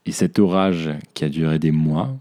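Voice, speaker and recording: A man's voice: rumbling low, fairly even intonation, moderate pace, dark tone. A young man hosting a podcast, speaking in a reflective personal monologue and talking to himself as "tu". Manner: introspective, addresses himself as "tu". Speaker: podcast host.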